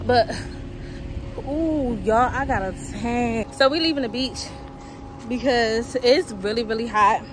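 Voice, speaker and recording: A woman's voice: on the high side, slow. Chatty woman vlogging, y'all-heavy. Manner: chatty, addresses viewers as y'all. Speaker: lifestyle vlogger. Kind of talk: casual vlog talk to camera. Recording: noisy outdoor camera audio.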